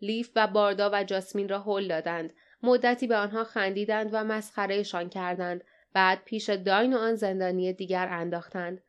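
Smooth-voiced woman reading an audiobook. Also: medium pitch. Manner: steady, measured storytelling. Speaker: audiobook narrator. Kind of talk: scripted narration.

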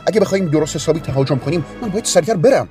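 A man's voice: fairly high pitch, expressive, mellow, soft background music, pitched above the performer's own voice, natural voice. A man playing an impatient little girl. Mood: evasive, hurried. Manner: urgent and impatient. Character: restless, eager little girl.

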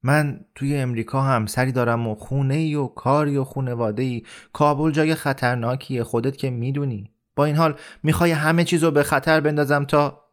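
A man's voice: mid-range voice, fairly even intonation, pitched above the performer's own voice, natural voice. A man reading the part of an upset young man who protests in an agitated, raised voice in an audiobook. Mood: protesting.

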